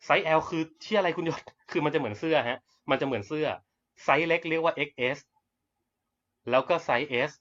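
A man giving a blunt, casual live-stream sales pitch, talking offhand and crude. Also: a bit bright, highs cut off. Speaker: network marketing presenter.

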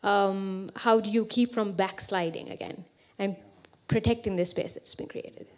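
A woman's voice: medium pitch, fairly even intonation, a little slow, a little mellow. A woman from Sri Lanka asking a question from the audience in a lecture hall, hesitant with filler sounds.

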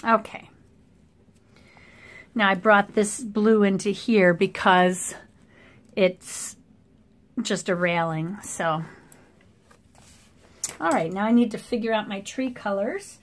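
A middle-aged woman, a watercolor artist, chatting in a relaxed way as she paints at a table indoors, picked up by an overhead camera mic. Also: medium pitch, slow pace, pauses often. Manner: relaxed, chatty running commentary. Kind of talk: thinking aloud while painting.

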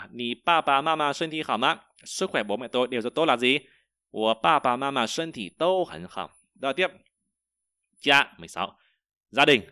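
A man teaching a vocabulary lesson, explaining each word and repeating example sentences slowly, with frequent hesitations. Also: mid-range voice, bright, forceful tone, clear, resonant tone, no room sound, studio quality. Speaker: Chinese teacher.

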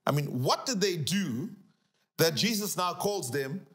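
Middle-aged pastor guy, high voice that swings all over, super emphatic, keeps repeating himself. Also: a little slow. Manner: animated, emphatic, repeats key phrases. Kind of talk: Bible teaching on a talk show. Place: living-room studio set, indoors.

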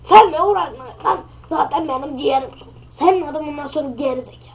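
A woman's voice: sits high, fast, slight background noise. A woman voicing a short-tempered, insulting father with a nasal voice, scolding in a grumbling way. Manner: scolding, name-calling.

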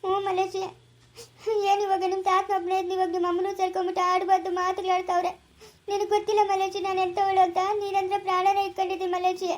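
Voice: very high voice, little pitch movement, racing, bright, forceful tone. A performer voicing a whiny, coaxing young wife with a rural Karnataka Kannada accent in a cartoon family drama. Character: wheedling young wife, daughter-in-law.

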